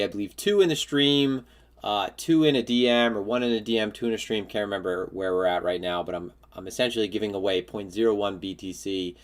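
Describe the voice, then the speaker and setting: A laid-back man chats with his viewers as a livestream host. His voice sits a bit low, and his talk is loose and unscripted, full of ums and uhs. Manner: relaxed, laid-back, frequent filler words. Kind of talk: casual livestream chat.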